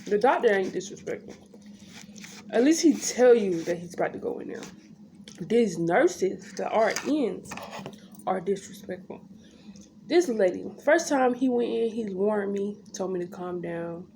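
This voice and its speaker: A woman's voice: mid-range voice, animated, measured pace, vocal fry, warm tone, rough recording. A young woman chatting casually to camera, telling a story in a blunt, unfiltered, slangy way. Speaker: vlogger telling her birth story. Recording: background noise, home ambience.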